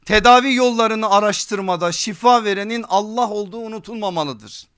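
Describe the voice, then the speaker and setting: A man's voice: high voice, moderate pace, fairly bright tone, smooth. A man preaching a sermon from a pulpit microphone, emphatic, repeating his points and checking with rhetorical questions.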